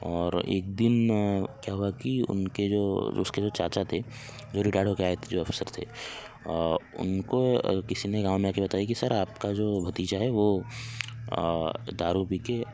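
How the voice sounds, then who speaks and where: Deep-voiced man telling a halting story. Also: steady tone, creaky, dark tone, slight background noise. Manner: halting, many fillers and restarts. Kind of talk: casual spoken horror story.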